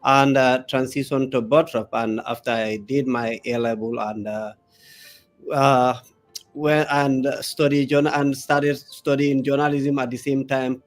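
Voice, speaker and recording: A man with a Gambian English accent, a political analyst answering live interview questions in a halting way, with many filler pauses. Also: mid-range voice.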